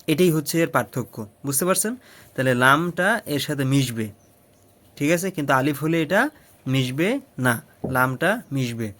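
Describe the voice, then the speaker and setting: A man's voice: on the high side, a bit bright. A man teaching Arabic letters step by step, patiently repeating each syllable and often checking that the learner follows.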